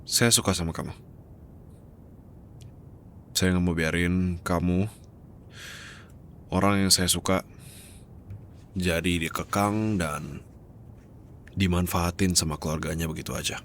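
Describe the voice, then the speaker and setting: A man playing a gentle, lovestruck doctor who comforts someone, in a soft, hesitant ASMR role-play. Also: steady tone, takes it slowly, long pauses. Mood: soft, consoling. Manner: tender, hesitant, softly reassuring. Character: gentle doctor, wealthy man in love, comforting a crying woman. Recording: rumbling low background noise.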